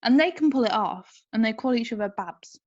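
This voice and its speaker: A woman's voice: a little high, animated, a little fast, darkish tone, no echo. A woman co-hosting a podcast in casual chat, blunt and giggly. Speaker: podcast co-host. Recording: dull lo-fi mic.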